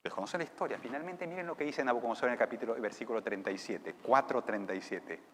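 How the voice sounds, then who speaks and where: A male pastor preaching a sermon dramatically, dropping to whispers and rising to loud exclamations. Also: medium pitch, quick pace, slight background noise. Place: church. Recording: church hall with long reverb.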